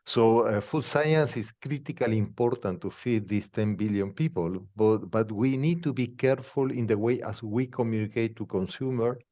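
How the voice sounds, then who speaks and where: Argentinian guy hosting a podcast, spanish accent, kinda muffled lo-fi sound, mid pitch. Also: mellow. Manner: measured, non-native phrasing with pauses. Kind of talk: conversational interview.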